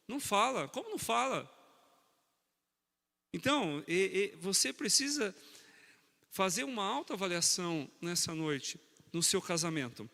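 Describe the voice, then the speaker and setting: A man preaching a sermon on marriage, animated, teasing his congregation and speaking to them directly. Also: sits high, a little slow, vocal fry, long pauses, in a large hall.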